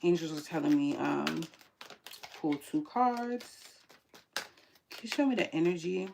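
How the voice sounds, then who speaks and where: A woman's voice: low-pitched, animated, a little slow, gravelly, noisy background. A woman reading tarot on a livestream, chatting casually in slangy speech and reading viewer comments aloud. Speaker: tarot reader hosting a livestream.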